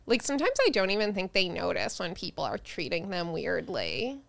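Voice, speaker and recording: A woman's voice: lowish voice, big pitch swings, fairly quick, creaky, a bit bright, no echo. A woman in her thirties from New Jersey, chatting casually as a guest comedian on a podcast and laughing often. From New Jersey, United States. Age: 30s.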